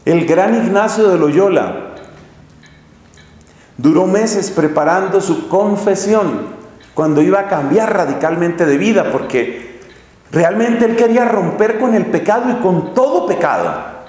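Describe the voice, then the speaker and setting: A man preaching a sermon, telling stories dramatically with big swings in pitch and pace. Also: animated, a little slow, a little mellow. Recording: echoey church hall.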